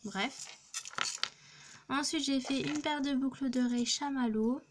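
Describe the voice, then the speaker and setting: Recorded on a phone with background noise, a young teenage craft vlogger presents her clay crafts at a measured pace in a high voice. Her casual show-and-tell narration is hesitant, full of fillers and restarts.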